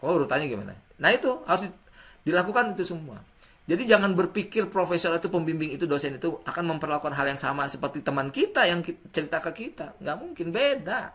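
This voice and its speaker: A man lecturing a class in an animated way, his pitch leaping up for emphasis and dropping low when he acts out sample messages. His voice has a gravelly edge with a bright, forceful tone. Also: quick pace.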